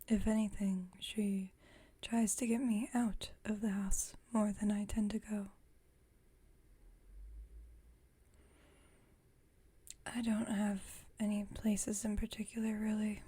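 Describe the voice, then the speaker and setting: Playing a centuries-old vampire roommate in an ASMR roleplay, a woman whispers in a soft, breathy, medium-pitched voice. The character is calm and dryly witty, speaking with gentle, slightly formal phrasing. Overall the mood is calm and relaxed.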